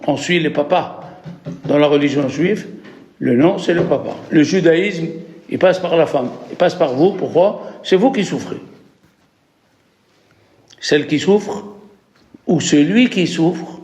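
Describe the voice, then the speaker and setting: A man leading a religious lesson as a rabbi. His voice sits fairly high and stays animated as he quizzes the people in front of him. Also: unhurried, long pauses. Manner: animated, asks the audience questions. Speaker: rabbi teaching a class.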